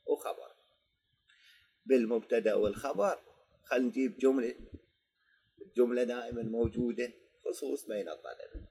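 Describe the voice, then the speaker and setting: Slowly dictating a grammar lesson, an Iraqi Arabic-accented teacher poses questions to his students and then answers them himself. He has a medium-pitched, dark voice with a breathy edge.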